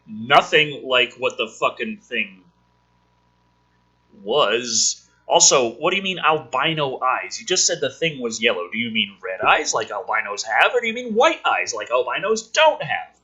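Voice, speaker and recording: This muffled clip features a man at medium pitch, taking a measured pace, his voice pushed, bright and slightly rough, with big swings in pitch. A mild illness is bothering his throat. Reading a film script aloud as host, he mocks it throughout in a ranting, joking way, full of swearing, sarcasm and exasperation.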